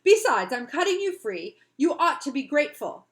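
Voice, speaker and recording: A woman's voice: sits high, a little slow, voice pushed up. A woman doing a bossy, hot-tempered little fairy. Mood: indignant. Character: bossy, proud fairy girl, quick-tempered. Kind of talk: read-aloud storybook voice.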